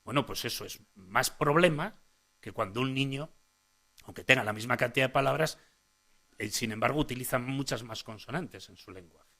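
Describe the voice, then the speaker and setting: A man's voice: mid-range voice, normal speed, sharp tone. Hesitant man lecturing from slides. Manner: hesitant, many restarts and "eh?" tags, pointing the audience to slides. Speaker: speech-language psychologist giving a conference talk. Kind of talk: conference lecture to parents and professionals.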